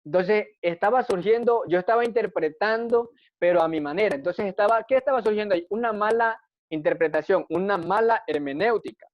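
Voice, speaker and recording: Earnest high-voiced preacher, dry and dull. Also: male voice, fairly quick, dry recording. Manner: earnest, repetitive, rhetorical questions. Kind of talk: testimony sermon.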